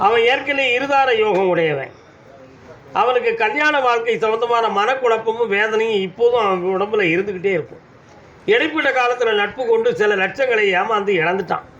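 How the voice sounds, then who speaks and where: A man's voice: sits high, brisk, a bit bright. A man with a southern Tamil accent speaking as the deity at a village temple, giving commanding, scolding answers to devotees. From Tamil Nadu. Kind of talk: trance oracle addressing devotees. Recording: dull audio with faint background noise.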